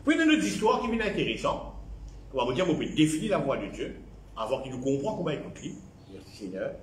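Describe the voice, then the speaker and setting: A fairly high-voiced man with a Mauritian accent preaches a sermon, his pitch rising and falling widely. He repeats key phrases and slips English words into his talk. The sound carries the echo of a church hall. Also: very animated, fast, slight background noise. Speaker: pastor.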